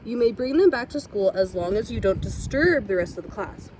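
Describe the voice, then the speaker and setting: A woman voicing a gentle, measured male schoolteacher in a children's storybook. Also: medium pitch, lively intonation, slight background noise, close to an everyday voice, low-quality recording. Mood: kind. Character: calm, kind male schoolteacher.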